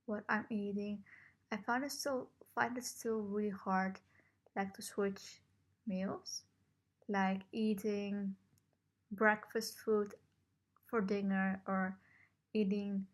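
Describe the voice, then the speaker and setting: Awkward, hesitant young woman vlogger. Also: medium pitch. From Netherlands. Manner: self-conscious, hesitant, soft-spoken. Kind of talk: casual Q&A to camera.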